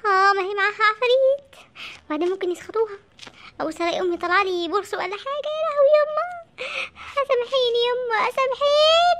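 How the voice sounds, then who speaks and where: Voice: very high voice, bright, forceful tone, full character voice. A voice actor playing a frightened young husband in a comic cartoon, with an Egyptian accent and a whiny, panicky manner. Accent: Egyptian Arabic.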